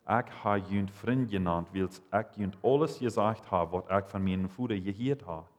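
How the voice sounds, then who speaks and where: A man reading Bible passages and commenting, halting and restarting as he goes. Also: on the low side. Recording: long reverb, hall.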